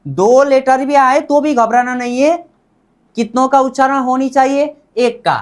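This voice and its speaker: Sex: man. Role: Korean teacher. Pace: slow. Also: very high voice, fairly even intonation. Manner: drills by repetition, asks and answers own questions. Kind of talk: classroom lesson.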